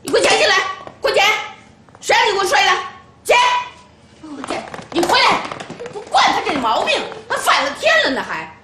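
An actress playing a bossy, sharp-tongued middle-aged grandmother who scolds a small child in a TV drama. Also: extremely high pitch, big pitch swings, fairly quick, roomy sound, heavy background noise. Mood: furious. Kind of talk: TV drama acting.

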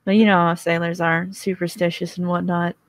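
A woman's voice: lowish voice, level tone, fairly quick, no echo, close to an everyday voice. A woman voicing a blunt, businesslike male ship captain in a tabletop role-play over voice chat, in a plain, matter-of-fact manner. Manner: plain matter-of-fact speech, dropping her usual voice.

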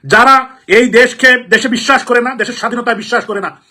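A man from Sylhet, Bangladesh, with a Bangladeshi accent and a high, sharp-edged voice gives an impassioned political address at a fairly quick pace. Forceful and indignant, he drives his points home through repetition, like an elected politician appealing to the public.

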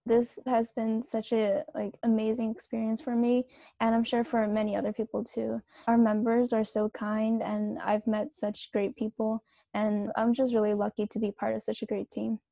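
Gravelly, mellow teen girl. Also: a little high, flat delivery, moderate pace, dry recording, clean studio sound. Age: teens. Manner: gushing, with fillers. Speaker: student bakery team member. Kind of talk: casual interview.

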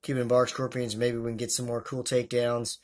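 A man's voice: medium pitch, monotone, fairly quick. A man with a Southern US accent narrating a casual feeding video as a hobbyist keeper, chatty and rambling, talking to viewers as guys. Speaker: hobbyist scorpion and tarantula keeper.

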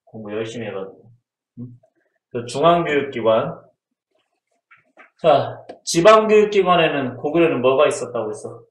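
A man's voice: medium pitch, lively intonation, moderate pace, pauses often. Guy teaching history for a test, chatty, keeps asking stuff then answering it, kinda echoey room. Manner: chatty, asks students questions and answers them himself. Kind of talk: casual exam-prep lecture. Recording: roomy echo.

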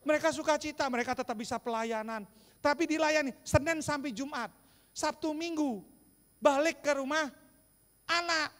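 A man preaching a lively sermon, often turning to ask the congregation questions. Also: extremely high pitch, normal speed. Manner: animated preaching, calls to the congregation. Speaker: pastor. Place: large church hall. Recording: long church hall reverb.

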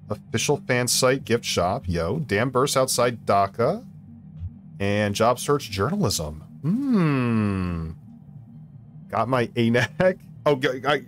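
A man streaming a video game, commenting casually in a playful, jokey way and laughing often. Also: medium pitch.

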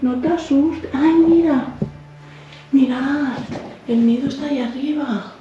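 A woman, exploring an abandoned house in a casual vlog, exclaiming and marveling aloud, often hushed. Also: sits high, fairly even intonation, unhurried, slight background noise. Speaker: urban explorer host. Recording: roomy, dull lo-fi camera audio with faint music.

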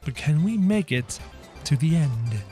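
A man doing excitable game commentary for viewers, exclaiming as he plays. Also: a little high, unhurried, faint music behind. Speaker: gaming YouTuber.

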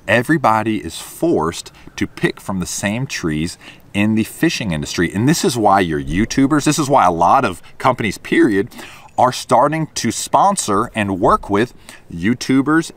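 A man's voice: lowish voice, big pitch swings, moderate pace. A man on a boat delivers an opinionated monologue to camera, explaining emphatically with rhetorical questions and repeated points. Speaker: fishing content creator. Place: on a boat, outdoors.

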